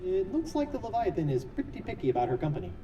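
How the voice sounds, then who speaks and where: A man's voice: sits high, wildly swooping pitch, quick pace, recorded from a distance, noisy background. An actor playing a wry, quippy young would-be pirate hero in a video game, his voice run through a muffled underwater filter. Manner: wry, joking asides. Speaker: game character.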